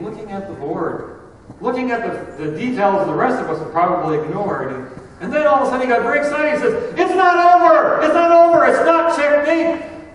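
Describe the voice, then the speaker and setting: A male pastor delivering a sermon, preaching dramatically with big swings in loudness. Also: mid-range voice, distant mic, slight background noise. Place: church sanctuary. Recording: echoey church recorded from afar.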